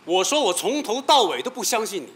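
An actor playing a suspicious widower who confronts the doctors in a sarcastic, combative way. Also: male voice, on the high side, very animated, fast, sharp tone. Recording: echoey hall with ambient noise.

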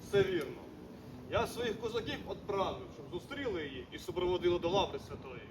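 A man's voice: sits high, lively intonation, brisk, noisy background. A man playing an earnest Cossack leader in a historical stage performance. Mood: solemn. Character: Cossack leader awaiting the empress. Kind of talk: historical theatre acting.

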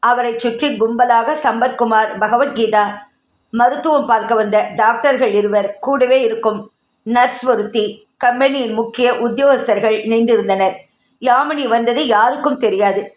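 A woman reading a story aloud in a steady, expressive way as narrator. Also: on the high side, moderate pace. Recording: roomy echo.

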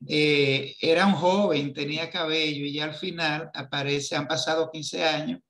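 A man in his fifties moderating a film forum on a video call, speaking slowly and hesitantly as he searches for words. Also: a little high, fairly even intonation, fairly bright tone. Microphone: video call webcam.

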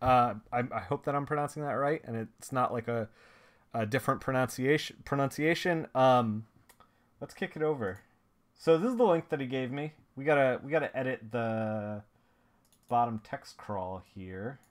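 Sniffly and watery-eyed, this man hosts a live stream as a streamer and comic colorist. He talks in a mid-range voice at a moderate pace, rambling casually and often restarting or using filler words.

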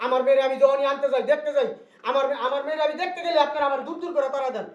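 A man's voice: extremely high pitch, steady tone, racing. An actor playing an angry, quarrelsome young divorced father who wants his daughter back. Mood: defiant. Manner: combative, quarrelsome. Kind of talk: Bangla drama acting. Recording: echoey room, dull lo-fi sound.

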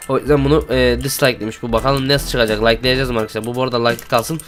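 A man hosting Minecraft gameplay commentary, excitable and constantly addressing his viewers. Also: mid-range voice. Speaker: gaming channel host.

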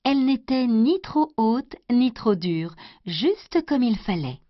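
A woman storyteller doing an expressive scripted storybook narration. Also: fairly high pitch, slow, no echo. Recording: dry, dull lo-fi recording.

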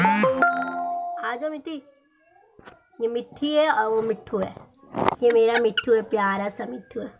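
A woman's voice: on the high side, creaky. A woman in a casual pet vlog, coaxing her parrots in a sing-song voice while talking to viewers. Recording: dull lo-fi sound with loud background noise.

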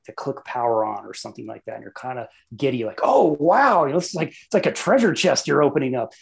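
A conference speaker answering audience questions over a video call, talking in an animated, emphatic way. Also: medium pitch, creaky. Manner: animated, emphatic, laughs between points. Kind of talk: casual Q&A answer.

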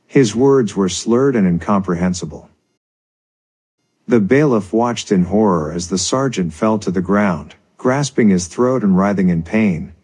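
A male narrator reads a folk tale as scripted narration, his storytelling measured and steady. He has a low voice with a husky grain.

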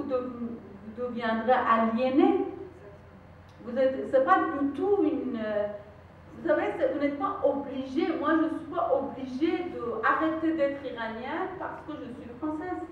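A woman's voice: sits high, slight background noise. A woman from Iran with a Persian accent, giving an earnest, emphatic conference talk and sometimes searching for words. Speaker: lecturer. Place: conference room. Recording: echoey hall, recorded from far off, dull sound.

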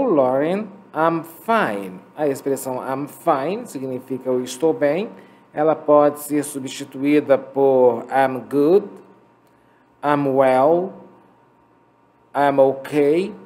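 A man with a Brazilian Portuguese accent teaching a beginner English lesson, modelling phrases slowly for learners to repeat. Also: fairly high pitch, a little mellow. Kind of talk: slow, careful language lesson.

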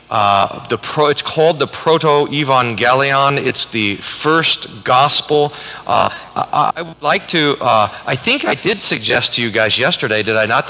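A man teaches scripture to a conference audience in a large, echoing hall, and his bright, forceful voice carries a long reverb. He talks conversationally, restarting phrases as he goes. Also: medium pitch. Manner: conversational, restarts often, acts out quoted voices. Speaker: conference speaker, Bible teacher. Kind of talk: lecture-style sermon.

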